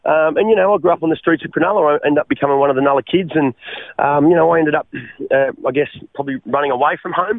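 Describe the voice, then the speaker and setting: This fairly high-pitched Australian man, in his forties and from Western Sydney, rambles through his life story as a phone interview guest. Full of fillers and restarts, he keeps calling the host "mate," and the dry recording sounds tinny, like a phone line.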